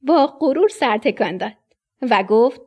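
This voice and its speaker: A woman with a high, breathy voice narrates an animated children's story. She's expressive and drops into whispers to build suspense.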